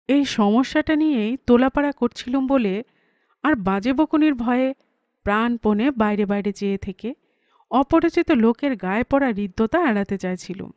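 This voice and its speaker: A woman reading a first-person story aloud, in a measured, conversational storytelling manner. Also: high-pitched, a little mellow, no room sound, clean studio sound. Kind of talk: scripted literary narration.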